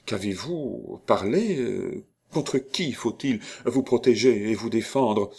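A man's voice: mid-range voice, lively intonation, takes it slowly, vocal fry, a little mellow, slightly rough, voice pushed up, exaggerated voice. Man reading an earnest young nobleman. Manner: firm and commanding.

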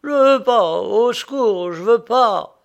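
A man's voice: fairly high pitch, unhurried, smooth, pitched above the performer's own voice, close to an everyday voice. Man voicing a coarse condemned prisoner. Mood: terrified. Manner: coarse working-class speech. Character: rough condemned male prisoner, coarse and blunt.

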